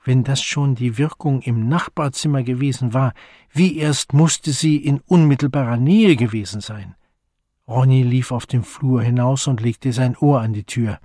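An audiobook narrator with a mid-range voice reads a scripted story in a measured, even storytelling manner. The studio-quality recording has no room sound.

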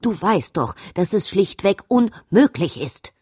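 A woman voicing a nervous adult king who speaks in a hushed, placating way. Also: mid-range voice, very animated, measured pace, slightly rough, dry recording, clean studio sound, pitched above the performer's own voice.

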